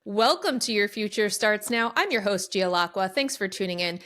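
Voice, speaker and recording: A woman's voice: medium pitch, animated, normal speed, a bit bright, faint music behind. A woman hosting a podcast interview, upbeat, reading scripted introductions and asking questions. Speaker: podcast host.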